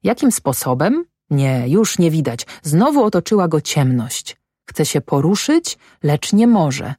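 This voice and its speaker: A woman narrating a classic novel in a measured, dramatic storytelling manner. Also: deep voice, very animated, warm tone, husky, no echo, studio quality. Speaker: audiobook narrator. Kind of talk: scripted literary narration.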